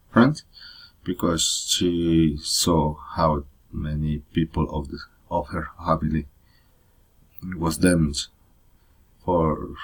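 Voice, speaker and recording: A man from Rica, giving a halting personal presentation in learner's English, full of pauses and uh fillers. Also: a bass voice, breathy edge. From Costa Rica. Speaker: presenter of a personal photo story.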